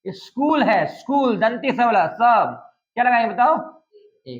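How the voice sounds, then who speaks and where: A man's voice: very high-pitched, expressive, highs cut off. A male English teacher, teaching a classroom grammar lesson and firing constant questions at his students. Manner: drawls out example sentences slowly.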